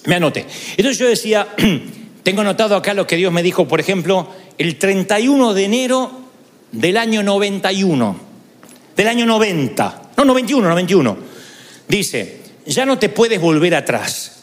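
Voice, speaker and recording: A man preaching a sermon in an earnest way, moving between quick asides and slow, emphatic lines. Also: high-pitched, expressive, long reverb tail.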